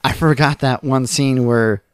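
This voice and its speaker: Tired, joking male podcast co-host, mid-pitched voice, dry close recording, full of quick riffs. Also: steady tone, clean tone, no room sound. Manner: jokey, quick riffs, frequent laughs. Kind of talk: casual chat.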